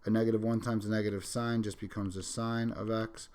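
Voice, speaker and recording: A math teacher records a calculus lecture on a microphone while sick and sniffling. His voice is on the low side, darkish and flat, and he moves fairly quickly, talking through each step as he writes and correcting himself in asides.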